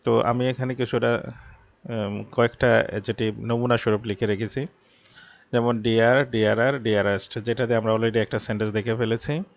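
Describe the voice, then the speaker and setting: A young male tutor speaking gives a grammar lesson. He explains patiently and step by step, slowing down to read out the example sentences. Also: mid-range voice, level tone, dry recording.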